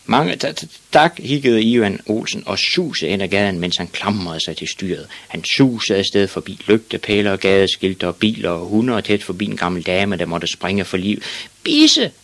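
Guy reading a kids' book on the radio, fairly low voice, lively delivery. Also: hardly any pauses. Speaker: radio storyteller. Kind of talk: reading a children's book aloud.

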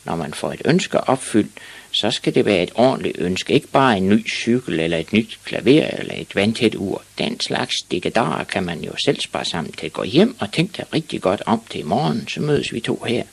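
A man voicing a brisk, bossy old woman witch in a storybook reading, with a gravelly, husky voice. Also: lowish voice, very animated, heavily acted.

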